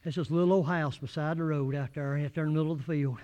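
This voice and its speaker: A man preaching a sermon in church, folksy and rising to shouted fervor. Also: a little high, steady tone, racing. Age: 80s.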